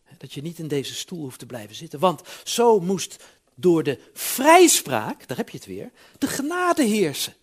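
Male preacher, husky voice, swings widely in pitch; chatty church sermon with many quick asides and loud emphatic peaks. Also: huge pitch swings. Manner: conversational, frequent "hè?" asides, rising to emphatic peaks.

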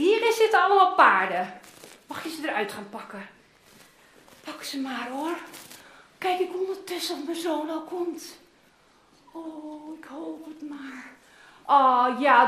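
Woman voicing fond old father in a kids' Bible role-play, high lively voice, roomy echo. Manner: animated, coaxing, talks to the children. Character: loving older father longing for lost son. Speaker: children's Bible teacher. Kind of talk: interactive Bible story role-play for children. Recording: roomy echoing room.

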